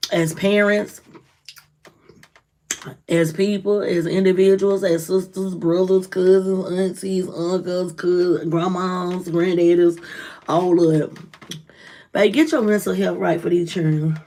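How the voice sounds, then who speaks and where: Lively woman preaching uplift with dialect flavor. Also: lowish voice, measured pace. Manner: lively, swings loud and soft, preachy. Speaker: rideshare driver and motivational vlogger. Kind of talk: casual motivational talk to camera.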